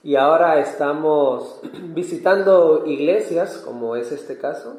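Peruvian man preaching in an echoey hall. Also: on the high side. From Peru. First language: Spanish. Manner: calm, measured, pausing for translation. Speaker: missionary preacher. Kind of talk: sermon with interpreter. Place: church hall.

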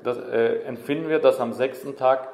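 A man's voice: medium pitch, fairly even intonation, moderate pace, a little mellow. A man interpreting a sermon live, hesitant, with many fillers and self-corrections. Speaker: church interpreter. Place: church hall. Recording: echoey church hall.

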